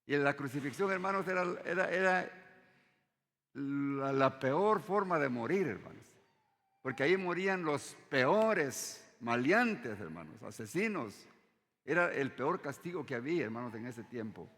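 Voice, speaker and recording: A man preaching a sermon, often addressing the congregation as brothers and dropping his voice low at the end of phrases. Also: expressive, a little slow, fairly bright tone. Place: church hall. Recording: long hall reverb.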